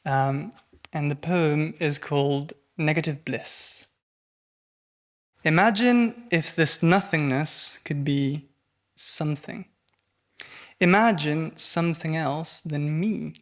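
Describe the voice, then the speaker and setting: A young man, a postgraduate student, reading his poem very deliberately, his voice trailing away almost to nothing at line ends. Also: fairly high pitch. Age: young adult. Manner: very slow, deliberate reading that trails off to near silence. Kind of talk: poetry recitation.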